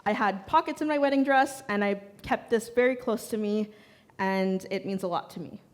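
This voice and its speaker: A woman's voice: mid-range voice, normal speed. A young woman directing children's programs, talking casually to a congregation in a chatty, hesitant way with many fillers.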